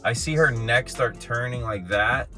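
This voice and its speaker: Brief: young male vlogger, bright forceful voice, slangy and profane, animated storytelling. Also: medium pitch, soft background music. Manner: animated, swears a lot, fast slangy. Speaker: vlog co-host. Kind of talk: casual storytelling.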